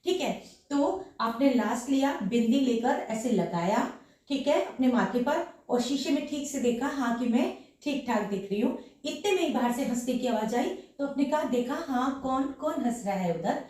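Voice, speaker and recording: A woman with a slightly hoarse voice from a sore throat leads a dance lesson, counting beats aloud as she shows each step. Her voice sits a bit high and reaches the mic from across a very echoey room. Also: expressive, moderate pace, darkish tone, distant mic. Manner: counts beats aloud while demonstrating moves. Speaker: dance teacher.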